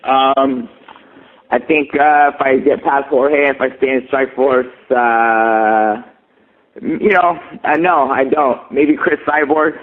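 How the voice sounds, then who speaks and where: A man's voice: medium pitch, steady tone, slow pace. A man, a fighter, answering questions in a casual, slangy way, heard over a conference call on speakerphone. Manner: laid-back, talks in loose slang and fillers. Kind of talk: casual phone interview answers. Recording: tinny phone line.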